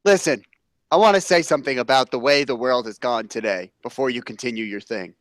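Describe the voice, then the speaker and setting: A man co-hosting a comedy podcast, talking in an animated, jokey, rambling way. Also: mid-range voice, brisk, no echo. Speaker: podcast co-host.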